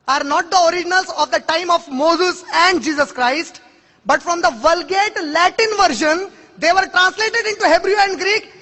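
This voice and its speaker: Answering a question from the audience in a public lecture, this man, whose first language is Urdu, speaks in a very high-pitched voice that's bright and forceful. Long reverb from the large hall surrounds his emphatic case, built on sharp rhetorical questions and challenges.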